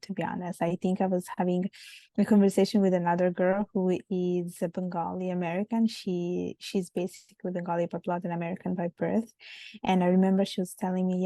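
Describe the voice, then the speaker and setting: A woman talks as a podcast guest, reflective and measured as she searches for her words. Her voice sits low and mellow with little rise and fall. The sound is dry and close. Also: dry recording. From Italy. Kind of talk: casual interview conversation.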